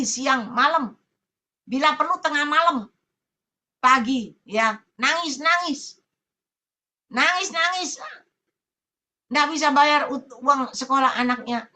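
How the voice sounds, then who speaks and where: A woman evangelist, preaching a sermon and telling a congregant's story in an animated way. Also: on the high side. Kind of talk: sermon with testimony. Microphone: online prayer meeting broadcast.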